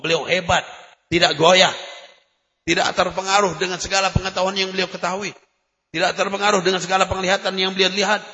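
A man preaching a sermon in a casual, emphatic way, his voice jumping up in loud bursts between calmer explanations. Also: on the high side, vocal fry. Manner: emphatic, conversational preaching with sudden loud rises. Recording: lo-fi echoey hall recording.

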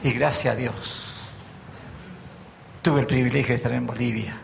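A Chilean man preaching a sermon at a church meeting, telling stories with gentle humor and asking rhetorical questions. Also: mid-range voice, steady tone, normal speed, creaky, slight background noise. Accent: Chilean Spanish.

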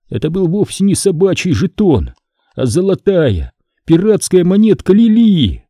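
A man narrating a children's story in an expressive, measured reading. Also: mid-range voice, husky, no room sound, studio quality. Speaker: audiobook narrator.

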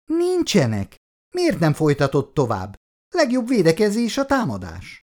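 A man's voice: sits high, wildly swooping pitch, a little mellow, pitched above the performer's own voice. A male reader voicing a cool, proud young woman who answers her fiancé in clipped, icy replies. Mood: cold. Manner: cold, clipped, tight replies.

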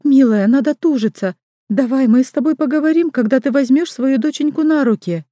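A woman's voice: high voice, fairly quick, dark tone, dry recording, clean studio sound, voice pushed up. A woman voicing an older village midwife, kind and fussy, with doting folksy exclamations. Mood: pleading.

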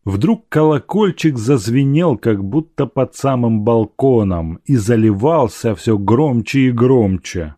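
A man narrating a classic novel in a measured, expressive way. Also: mid-range voice, no echo, clean studio sound. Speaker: audiobook narrator. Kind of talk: scripted narration.

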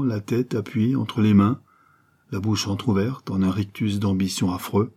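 A man narrating a serialized novel as an audiobook in a measured, solemn reading. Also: lowish voice, mellow, breathy edge.

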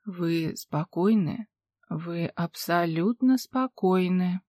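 A woman voicing a calm man who speaks slowly and quietly to soothe a distressed woman, in an audiobook reading. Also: high-pitched, no room sound, clean studio sound. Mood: soothing. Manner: slow, quiet, hushed.

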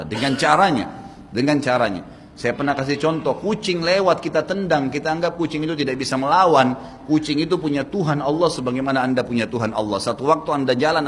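Man, Indonesian accent, earnest sermon, mid-pitched, swings pitch for emphasis, faint background hum. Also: in a large hall. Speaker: Islamic preacher.

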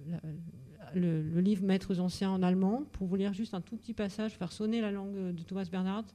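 A woman's voice: mid-range voice, fairly even intonation, moderate pace, mellow. A middle-aged woman giving an informal talk at a literary evening, hesitant, with many fillers and restarts. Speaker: author and teacher speaking at a literary evening. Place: library event room.

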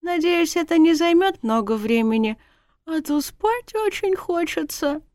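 A woman's voice: big pitch swings, unhurried, no room sound, studio quality. A woman playing a giggly tipsy princess. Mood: playful. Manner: giggly, high, sing-song teasing. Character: tipsy, cheeky young princess bride, playful and stubborn. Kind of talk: audiobook character voice.

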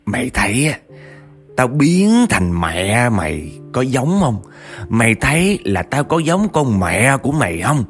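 Old female beggar demon, put on by a male storyteller: slow, gloating, menacing. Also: medium pitch, very animated, soft background music, pitched above the performer's own voice.

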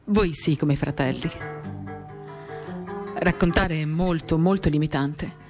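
Slow and low-pitched, a little mellow, a woman reads a literary monologue from a novel for radio theatre. She confides in short phrases, intimate and dramatic. Acoustic guitar music accompanies her.

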